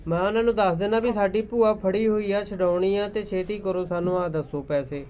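A man with a Punjabi accent answering a scam call, playing along respectfully in a deadpan way. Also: sits high, brisk.

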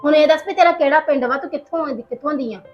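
A woman's voice: high-pitched, racing, highs cut off, soft background music, lightly acted. A woman playing a cautious village housewife who protects and advises a younger woman in a family drama.

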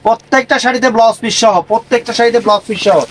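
A man giving a live online sales pitch in an emphatic, repetitive patter. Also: steady tone, very fast. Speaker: online saree seller.

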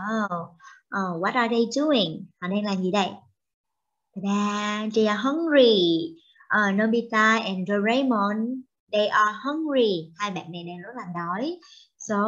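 A young woman with a Vietnamese accent, a native Vietnamese speaker, teaching children English vocabulary in a slow, drawn-out, cheerful way. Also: medium pitch. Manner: switches between English and Vietnamese. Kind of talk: bilingual children's vocabulary lesson. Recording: dull lo-fi recording.

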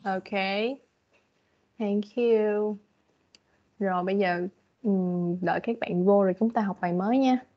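A woman teaching English to a young child online, patient and coaxing as she explains things slowly. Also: medium pitch. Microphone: video call. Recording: dull lo-fi video call audio.

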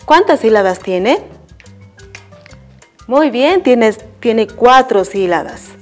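A woman with a Bolivian Spanish accent teaching a primary school lesson on television, slow and patient, asking questions and answering them herself. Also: on the high side, big pitch swings, faint music behind.

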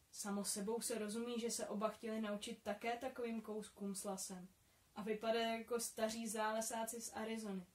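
A woman reading a book aloud as a bedtime story, in a calm, measured way. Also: a little high. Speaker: reader.

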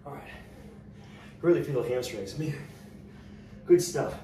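A man coaching an interval workout at home, congested and breathing heavily, giving short cues and clearing his throat often. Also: medium pitch, unhurried. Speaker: fitness trainer. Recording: roomy, distant, noisy home recording.

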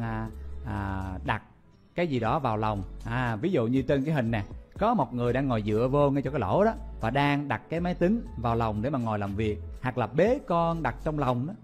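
Man, playful vocabulary teacher, mid-pitched voice, soft music behind. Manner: lively, playful, exclaiming and repeating words. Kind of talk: memory-palace vocabulary lesson.

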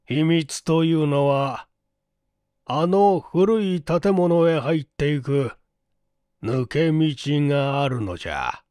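An actor playing a shrewd, shabby 97-year-old man who talks in slow, folksy old-man speech in an audiobook drama. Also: on the high side, expressive, a little mellow, clean tone, no echo, studio quality. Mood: confiding.

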